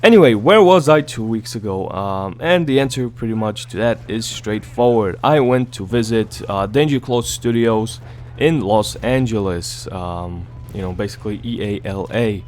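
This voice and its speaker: A man's voice: fairly low pitch, normal speed, darkish tone, slight background noise. Groggy man giving casual game commentary. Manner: rambling, repeats words, swears casually. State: groggy morning voice. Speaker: gaming YouTuber.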